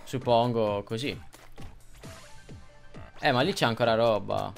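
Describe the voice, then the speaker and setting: A young man doing gameplay commentary, excitable, repeating himself and yelping when things go wrong. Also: medium pitch, slow, vocal fry, soft background music. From Italy. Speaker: gaming youtuber.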